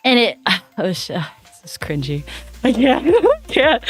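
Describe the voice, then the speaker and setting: Raspy, bubbly woman streamer chatting. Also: on the high side, wildly swooping pitch, slow. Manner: bubbly, giggly. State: hoarse from coughing. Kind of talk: casual chat stream. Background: faint background music.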